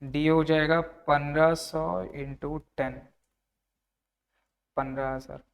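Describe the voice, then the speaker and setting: A young man teaches an online class, and his voice sits a little high. He talks conversationally, repeating each figure and calling his students "sir" as he walks through the working. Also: flat delivery, slow pace, gravelly. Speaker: tax tutor.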